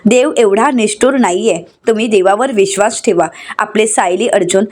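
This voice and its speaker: A woman voicing a loyal household woman who reassures gently. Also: medium pitch, normal speed, lightly acted. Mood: reassuring.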